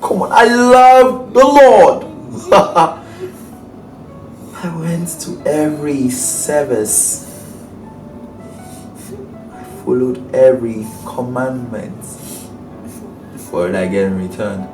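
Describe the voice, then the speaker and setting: An actor playing a menacing, unhinged male captor who taunts, laughs and bursts into shouting. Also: medium pitch, slow pace, pauses often, lightly acted. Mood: mocking. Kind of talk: low-budget drama acting. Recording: echoey room from far off with music.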